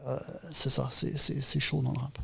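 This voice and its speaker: A middle-aged man, a rapper talking in a casual interview, halting with many restarts. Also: mid-range voice, flat delivery, gravelly, pushed and bright, husky.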